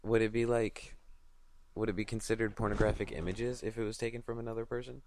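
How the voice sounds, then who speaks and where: A man's voice: on the low side, flat delivery, fast talker, a little mellow, no echo. A man co-hosting a casual podcast, bantering and swearing as he jokes around. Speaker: podcast co-host.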